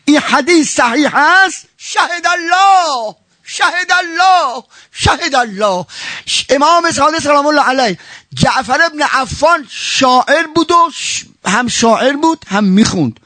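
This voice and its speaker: Male preacher, mourning sermon, high voice, dry sound, impassioned, wide swings in tone. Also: fairly bright tone, no room sound. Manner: impassioned, sweeping swings between high and low; swears oaths and quotes Arabic.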